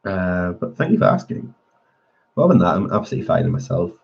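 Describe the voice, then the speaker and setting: A deep, creaky voice comes through lo-fi sound, very animated and quick. The speaker hosts a colouring channel, chatting casually with live-stream viewers and replying to their comments as he colours, a little nasal while getting over a cold.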